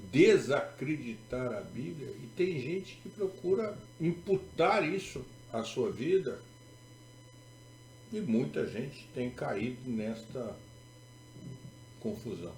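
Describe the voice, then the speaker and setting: A Brazilian man preaches with emphatic repetition and sarcasm. His voice is gravelly and mellow, with a lively rise and fall. The sound is roomy, with faint music behind him. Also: medium pitch. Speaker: pastor. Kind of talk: sermon. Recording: echoey room with faint music.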